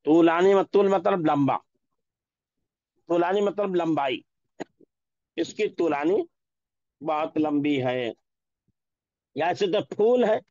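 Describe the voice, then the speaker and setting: Slow, drilling male language teacher. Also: on the high side, darkish tone, dry recording, muffled recording. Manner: slow, repeats example words and phrases for drilling. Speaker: Urdu teacher. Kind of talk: classroom language lesson.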